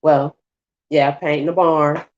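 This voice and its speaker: Cooking at home, a woman vlogger with a deep voice tells a story slowly, and the home audio is dull. Her telling is animated, casual and repetitive, with her acting out the voices of people in it.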